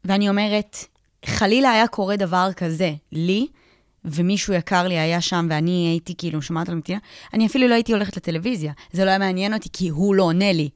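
A woman's voice: lowish voice, no echo. A woman hosting an interview, asking empathetic, probing questions. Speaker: host.

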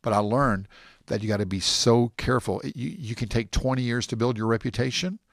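A man being interviewed, telling stories in an animated, rambling way. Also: mid-range voice, fairly quick, no room sound, clean studio sound. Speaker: guest. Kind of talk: casual interview talk.

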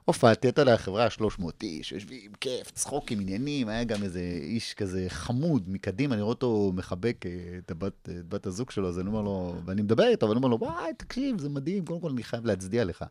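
A middle-aged man, a comedian, telling stories in casual chat and acting out quotes with big jumps in his voice. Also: hardly any pauses. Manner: animated, acts out quotes with big pitch jumps. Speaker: guest comedian. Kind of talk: casual storytelling.

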